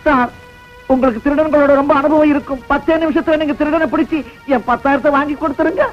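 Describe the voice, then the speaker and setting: Older retired teacher, pleading, high voice, lo-fi. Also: male voice, steady tone, fast, soft background music. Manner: pleading, earnest. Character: pleading retired male schoolteacher. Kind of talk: dubbed film dialogue. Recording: dull lo-fi film audio.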